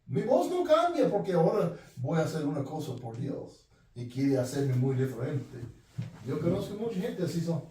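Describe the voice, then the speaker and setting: A man's voice: on the high side, sing-song, normal speed, mellow. A man preaching a sermon in an earnest, direct way, often repeating his phrases. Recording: very echoey room, voice from far off.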